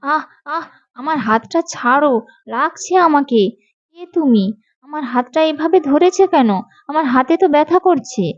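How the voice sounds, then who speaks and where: A woman's voice: moderate pace, a little mellow, no room sound, natural voice. Woman doing a pleading little girl. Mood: frightened. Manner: plaintive, high and pleading. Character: small frightened little girl. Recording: muffled, with background music.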